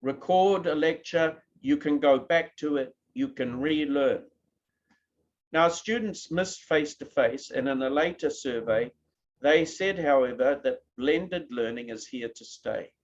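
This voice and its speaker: Addressing a live online conference, a New Zealand-accented man gives a keynote lecture and occasionally invites audience reactions. He speaks a little slowly in a slightly high voice, and the recording sounds muffled.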